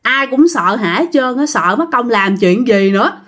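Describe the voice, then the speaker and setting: A woman narrates a ghost story in a chatty, conversational manner, speaking straight to her listeners. Her voice is high and animated, rising and falling widely. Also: moderate pace. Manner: chatty, addresses listeners directly.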